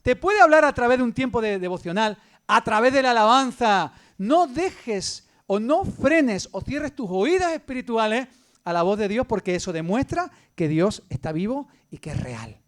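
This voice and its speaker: A man with an Andalusian Spanish accent preaching a sermon as pastor, moving between loud emphasis and hushed storytelling. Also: very high voice, very animated, normal speed.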